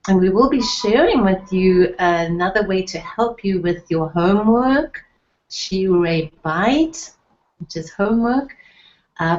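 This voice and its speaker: A woman's voice: on the low side, a little mellow. A middle-aged woman teaching a Hebrew lesson, patiently spelling out letters and sounds. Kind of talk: slow, deliberate online lesson. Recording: dull lo-fi recording.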